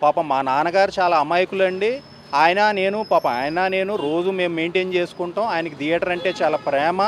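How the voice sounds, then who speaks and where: A man's voice: high voice, fairly even intonation, fast talker. A young man with an Andhra Telugu accent, a theater owner making an agitated, pleading statement to the press, repeating his points.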